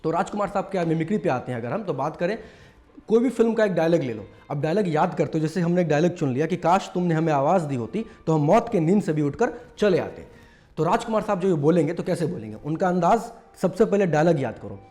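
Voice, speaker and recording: A man's voice: fairly high pitch, expressive, fast, warm tone, faint music behind. A man casually teaching mimicry, explaining step by step with lots of fillers. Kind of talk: casual tutorial talk.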